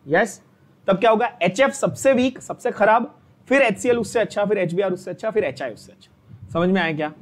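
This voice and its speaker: High-voiced man drilling chemistry students. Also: brisk, a little hiss or hum. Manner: drills students with repeated questions; energetic, coaxing. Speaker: chemistry teacher. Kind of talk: exam-prep lecture.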